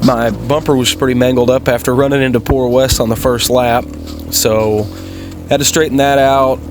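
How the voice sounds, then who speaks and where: A man's voice: mid-range voice, little pitch movement, normal speed, over music. A man giving casual, rambling vlog commentary about racing, in a folksy, laid-back way. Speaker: motovlogger and amateur off-road racer. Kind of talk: casual vlog commentary over race footage.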